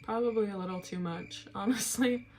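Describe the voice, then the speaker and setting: A woman's voice: medium pitch, normal speed, faint music behind. A woman in her twenties chatting casually and candidly to viewers in a slangy, gossipy get-ready-with-me storytime. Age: 20s. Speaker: vlogger.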